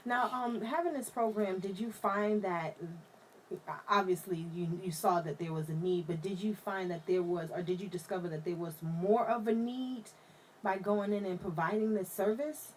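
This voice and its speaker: A woman's voice: mid-range voice, moderate pace, slight background noise, low-quality recording. Chatty woman hosting a radio show. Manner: chatty, animated storytelling. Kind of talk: casual radio talk show. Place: radio studio.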